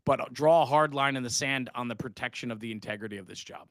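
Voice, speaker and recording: Talking at a quick pace in a mid-range, fairly bright voice with no room sound, a middle-aged fire service podcaster appears as a live stream guest. He's casual, passionate and emphatic in a buddy-like manner, earnest throughout and saying "man" and "bro."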